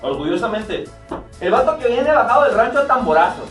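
With a very high-pitched, sing-song, slightly bright voice, this young Mexican co-host talks a little fast on a laid-back podcast. He rambles through slang-filled stories, restarting often, while music plays and the distant mic picks up a roomy echo.

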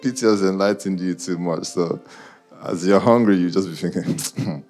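A man of Nigerian origin who spent his childhood in Guyana and was schooled in the UK speaks with a London accent, chatting casually and slangily with a live audience and online viewers while teasing them. His voice is low, moderately paced, and slightly mellow.

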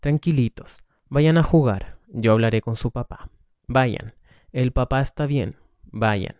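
A man's voice: medium pitch, unhurried, clean tone, no echo, lightly acted. Man reading as a weary hurt wife. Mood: soothing. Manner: gentle, hurt, pleading. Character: weary caring wife and mother. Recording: dull lo-fi recording.

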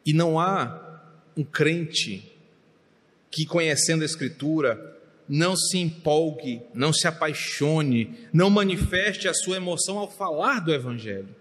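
A middle-aged man, preaching a passionate sermon from the pulpit in a church. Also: a little high. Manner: impassioned, rises to near shouting at times. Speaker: pastor. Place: church sanctuary. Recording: long hall reverb.

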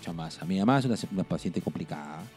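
Fast and lively in intonation, a Peruvian co-host with a Spanish accent keeps the casual podcast chat going, laughing through his stories and swearing often. His voice sits low with a darkish tone, and faint music plays behind.

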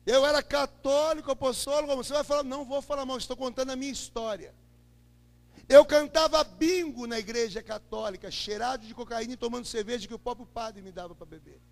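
Male preacher, Brazilian accent, very high gravelly voice, emphatic testimony with loud peaks and low murmurs, echoing church hall. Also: quick pace. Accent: Brazilian Portuguese. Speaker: preacher giving his testimony. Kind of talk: impassioned testimony sermon. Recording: echoey hall with long reverb.

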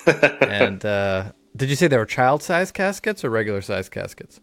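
A man's voice: lowish voice, sing-song, moderate pace, fairly bright tone, no echo. A man with a New England accent co-hosting a podcast, cracking dry, teasing jokes in casual chat. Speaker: podcast co-host.

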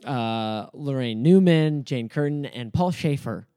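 A man co-hosting a podcast, retelling things in a relaxed way with many fillers. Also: medium pitch, a little slow, clean tone, dry recording, clean studio sound. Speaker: podcast co-host. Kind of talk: casual chat.

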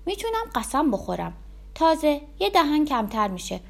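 A woman's voice: high-pitched, very animated, vocal fry, voice pushed up, exaggerated voice. A woman doing an eager little boy. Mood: pleading. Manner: eager, pleading.

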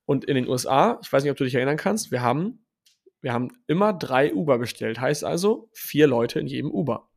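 Fast-talking young man telling a story. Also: medium pitch, gravelly. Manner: animated, quotes people with lively asides. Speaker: podcast host. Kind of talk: casual storytelling.

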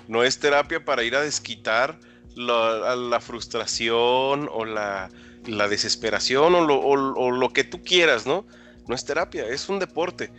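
A man's voice: medium pitch, measured pace, fairly bright tone, faint music behind. A man co-hosting casual sports talk, opinionated and often repeating words as he searches for them. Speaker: co-host.

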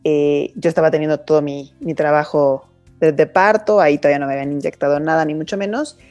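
A woman's voice: sits low, steady tone, quick pace, a little mellow, soft background music. A woman co-hosting a podcast, recounting her story in a hesitant casual way. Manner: hesitant, with many fillers. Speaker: podcast co-host. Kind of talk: casual chat.

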